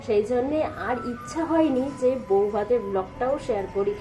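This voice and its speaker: A woman's voice: on the high side, normal speed, over music, poor audio. A woman vlogger from India talking casually to her viewers, rambling with many fillers and restarts. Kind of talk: casual vlog narration and voice-over.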